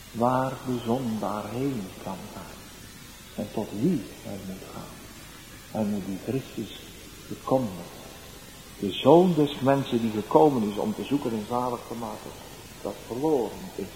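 Evangelist man, echoey room. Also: medium pitch. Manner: swings from soft storytelling to loud exclaiming. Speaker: evangelist preacher. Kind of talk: sermon with personal testimony. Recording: roomy echo, faint background noise.

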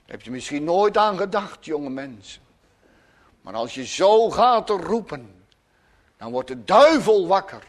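Solemn preacher, high-set voice, emphatic and repetitive. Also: male voice. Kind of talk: sermon.

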